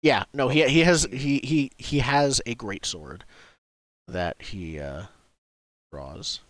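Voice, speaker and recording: Unhurried man running a tabletop game. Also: medium pitch, dry recording. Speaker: game master.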